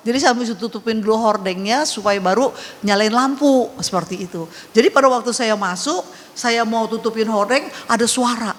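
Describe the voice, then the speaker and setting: A woman's voice: on the high side, a bit bright. An older woman pastor giving a sermon testimony, telling her story in a conversational, emphatic way with many repetitions. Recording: long hall reverb.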